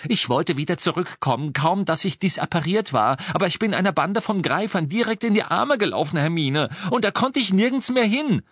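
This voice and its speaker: A man's voice: a little high, sing-song, a little slow, a bit bright, dry recording, studio quality, voice pushed up, exaggerated voice. A man voicing a young wizard who pleads and defends himself. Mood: defensive.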